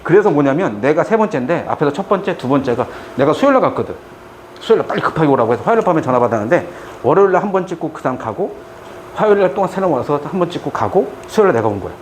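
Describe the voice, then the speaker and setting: A man's voice: a little high, sing-song, very fast, a little hiss or hum. A middle-aged man teaching math to students in a classroom, chatty and joking as he tells stories between explanations. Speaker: math tutor. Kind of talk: lecture with storytelling asides.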